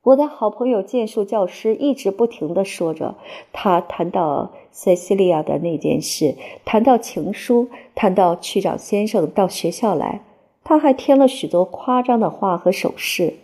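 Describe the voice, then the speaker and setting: A woman narrating a literary novel aloud in the first person, with a measured and expressive reading. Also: medium pitch. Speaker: audiobook narrator.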